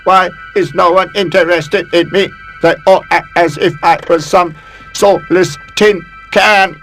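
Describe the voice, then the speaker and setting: A man's voice: high voice, steady tone, unhurried, fairly bright tone. A man voicing a lonely, self-pitying male robot in a dubbed cartoon film, speaking in a stiff, staccato way. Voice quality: staccato, clipped delivery. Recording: clip with music behind.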